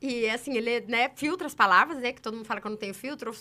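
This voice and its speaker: A woman from Brazil telling sales stories in a casual interview, emphatic and animated. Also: fairly high pitch. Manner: animated, emphatic, quick talker. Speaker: saleswoman guest.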